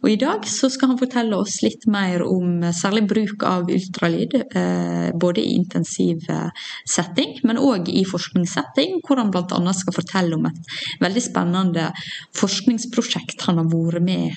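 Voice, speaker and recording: A woman's voice: fairly low pitch, normal speed, vocal fry, a little mellow, slight background noise. A woman hosting a podcast, friendly and a little hesitant, with frequent fillers and laughter. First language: Norwegian. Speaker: podcast host. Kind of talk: podcast interview.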